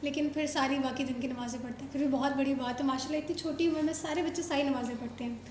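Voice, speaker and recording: High-voiced woman playfully quizzing children. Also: steady tone, very fast, darkish tone, a little hiss or hum. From Pakistan. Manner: playful, coaxing, teasing questions. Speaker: show host interviewing children. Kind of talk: casual chat with children. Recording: roomy echo.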